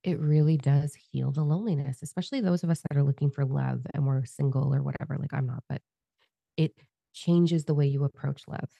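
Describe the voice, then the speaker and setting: A woman hosting a casual podcast chat, talking in an enthusiastic, nurturing way with quick asides. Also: extremely low pitch, steady tone, vocal fry, mellow, no room sound. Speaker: podcast host and coach.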